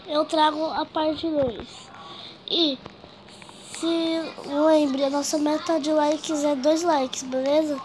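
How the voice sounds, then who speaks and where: A woman's voice: high-pitched, steady tone, slow, a little mellow, a little hiss or hum. A female host with a Brazilian Portuguese accent, giving dramatic, chatty gameplay commentary and talking straight to her viewers. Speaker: gaming channel host.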